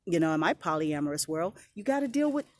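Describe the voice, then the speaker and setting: Talking fast with big pitch swings in a lowish, darkish voice, a middle-aged woman shares a heartfelt, reflective vlog outdoors. She is earnest, sometimes searching for words and sniffling occasionally. It's a dry phone or camera recording, and an airplane passes overhead.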